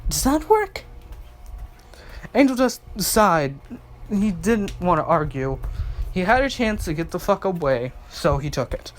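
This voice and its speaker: A man's voice: high-pitched, sing-song, a little slow, slight background noise. A man reading a fan story aloud, hurrying with stumbles and restarts. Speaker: fanfic reader.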